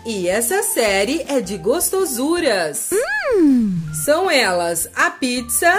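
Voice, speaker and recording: A Brazilian woman presents toys to young children in a very high voice. She takes her time, with a sing-song, exclamatory delivery. Music plays behind her narration. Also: sing-song, takes it slowly. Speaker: children's toy channel host. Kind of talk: toy unboxing narration for children. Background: background music.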